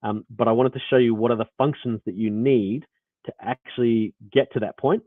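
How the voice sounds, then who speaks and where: On a tinny, phone-like line with no echo, an Australian developer presents a rambling live code walkthrough. His mid-range voice has fairly even intonation at normal speed, and he fills his speech with fillers and restarts.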